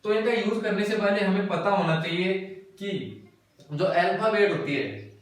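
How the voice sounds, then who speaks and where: Male teacher with a fairly high voice, standing back from the mic in a very echoey room, explaining step by step. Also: normal speed, distant mic. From India. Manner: explains step by step, repeats key words and asks himself questions. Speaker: English teacher. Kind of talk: classroom lesson explanation.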